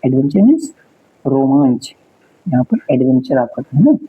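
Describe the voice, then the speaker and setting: A man's voice: medium pitch, very animated, normal speed, narrow, tinny audio, a little hiss or hum. A man teaching an exam spelling lesson, repeating words and spelling them out letter by letter. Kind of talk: spelling lesson, casual explaining.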